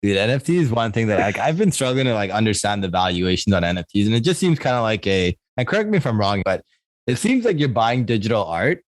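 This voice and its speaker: A relaxed male co-host asks his questions in a fairly low voice. His sound is dry and close to the mic, with no echo at all. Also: quick pace. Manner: questioning, relaxed, laughs along. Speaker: podcast co-host. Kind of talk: casual interview chat.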